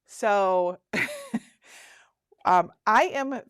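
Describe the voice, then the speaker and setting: A woman's voice: mid-range voice, huge pitch swings, very slow, fairly bright tone, no echo, clean studio sound. A woman in her fifties hosting a casual livestream, chatting with viewers and reading their comments aloud. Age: 50s. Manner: chatty, reads viewer comments aloud, frequent restarts and laughs. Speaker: craft workshop host.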